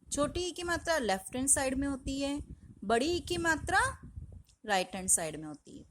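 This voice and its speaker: A woman's voice: high-pitched, slight background noise. A woman teacher giving a patient phonics lesson to young children, asking questions and answering them herself. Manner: slow, patient, asks and answers her own questions.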